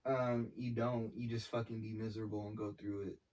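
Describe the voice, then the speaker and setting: A young man who is an artist and brand founder speaks fairly quickly in a low, slightly mellow voice with flat delivery. His casual interview talk is laid-back, slangy, full of fillers and swearing, captured off the mic from a distance.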